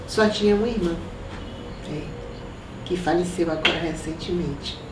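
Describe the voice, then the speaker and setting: Older woman reminiscing, low voice. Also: far from the mic. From Salvador, Brazil. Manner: reminiscing, unhurried, with soft laughs. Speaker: interviewee. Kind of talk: oral history interview. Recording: echoey room, voice from off mic, faint noise.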